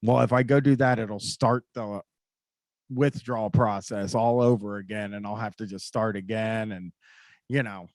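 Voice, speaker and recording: A man's voice: lowish voice, fairly even intonation, moderate pace, darkish tone, dry recording. An American man hosting a call-in show, talking in a casual, rambling, informal way with some swearing.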